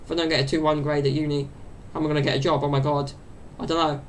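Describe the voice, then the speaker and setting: Talking fast into an off-side desk mic in his bedroom, a young podcaster in his twenties meanders through a solo episode, full of fillers. His high, gravelly voice stays level in tone, and a little hiss or hum sits in the recording.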